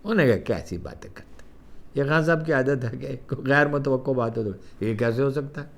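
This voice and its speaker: An older man with a Pakistani Urdu accent telling personal anecdotes in a lively way, acting out the quoted remarks. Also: mid-range voice. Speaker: columnist recounting memories. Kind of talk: storytelling anecdotes.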